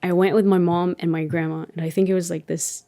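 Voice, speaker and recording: A woman's voice: on the low side, level tone, fast talker, dark tone. A woman in her twenties from Canada, hosting a podcast in casual conversation, chatty and full of fillers. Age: 20s. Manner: chatty, fills with "like" constantly. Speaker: podcast host.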